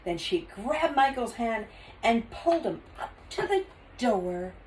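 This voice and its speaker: An older woman reading a children's storybook aloud in an expressive grandmotherly way. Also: on the high side, unhurried, slight background noise, poor audio.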